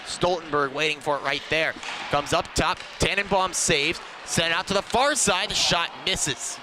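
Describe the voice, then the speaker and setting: A man with a fairly high voice speaks at a normal speed, calling a live ice hockey game in clipped bursts that track the action. The mic picks up the noisy ambience of the rink around him.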